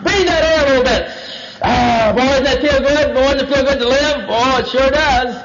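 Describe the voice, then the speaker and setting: Sly, chummy serpent voiced by a male preacher: high, sweet-talking drawl on dull lo-fi audio. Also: moderate pace, roomy sound, over a noisy crowd. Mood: wheedling. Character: sly wheedling serpent, folksy flatterer. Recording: dull lo-fi recording.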